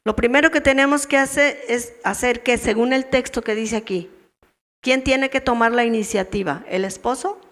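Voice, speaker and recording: Speaking with a Mexican Spanish accent, a woman teaches a women's church meeting, firing question after question at her listeners and acting out how wives might reply. Her voice is slightly high and fairly bright, and she talks at a normal speed. Long hall reverb fills the church recording.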